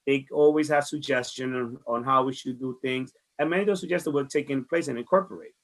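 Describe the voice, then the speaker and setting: A farmers market director from the Dominican Republic talks fast in a mid-range voice during an interview. His Dominican Spanish accent comes through. He answers earnestly and conversationally, repeating phrases often.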